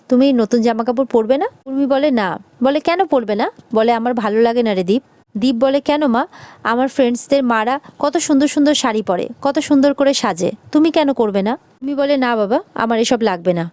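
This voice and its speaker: Rapid, dry-voiced woman recapping a serial. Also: dark tone, no echo. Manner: rapid retelling, briefly shifts pitch for quoted characters. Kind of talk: fast casual episode recap, reading out dialogue.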